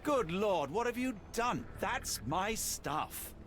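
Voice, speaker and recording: An actor with a British accent playing a loyal, cautious doctor companion, earnest and easily flustered, his pitch swinging widely, with game music behind. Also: big pitch swings, takes it slowly, noisy background, full character voice. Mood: alarmed. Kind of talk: video game voice acting.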